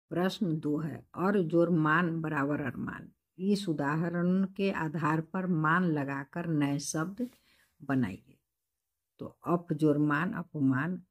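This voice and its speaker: Slow, husky-voiced woman teaching. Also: deep voice, darkish tone. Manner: slow, careful dictation of answers, reading questions aloud. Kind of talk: explaining textbook answers to a class.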